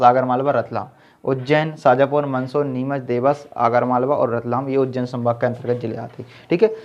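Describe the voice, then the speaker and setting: A man teaching an exam-prep lesson with memory tricks, who keeps saying "okay" and quizzes the listener as he goes. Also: mid-range voice. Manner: repeats "ठीक है" and quizzes the viewer. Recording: dull lo-fi sound.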